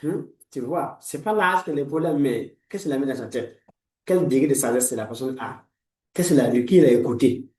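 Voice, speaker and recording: A man's voice: mid-range voice, lively intonation, moderate pace, warm tone, echoey room, far from the mic, rough recording. A man in his forties, a life coach giving a motivational talk in a preachy, repetitive way, full of blessings. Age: 40s. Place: room lined with books, indoors.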